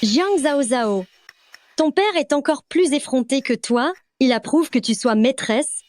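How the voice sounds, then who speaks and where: A bratty high-voiced young fake boss's wife, all contempt, sneering at everyone. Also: female voice, animated, unhurried, darkish tone, no echo. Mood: scornful. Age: young adult. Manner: contemptuous, shrill. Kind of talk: French drama dubbing.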